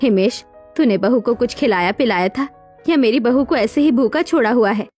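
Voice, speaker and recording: A caring middle-aged mother-in-law in a dramatized moral story voiced by a woman. She reassures gently and motherly, in a high voice. Soft music runs beneath. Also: normal speed, lightly acted.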